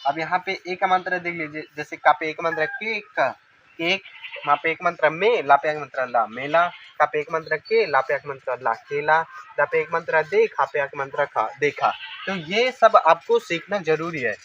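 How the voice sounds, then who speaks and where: Patient male reading teacher, high voice, repeats each word syllable by syllable; faint hiss and birds in the background. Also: bright, forceful tone. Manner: sounds out syllables slowly, repeats words for correct pronunciation. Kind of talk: children's reading lesson. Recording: dull lo-fi recording with faint noise.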